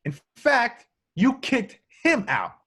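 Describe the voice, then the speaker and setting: A man's voice: very high voice, huge pitch swings, slow, bright, forceful tone, breathy edge, exaggerated voice. A man reading the part of a brash, skeptical young rookie agent at an amateur table read, informal and incredulous. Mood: indignant.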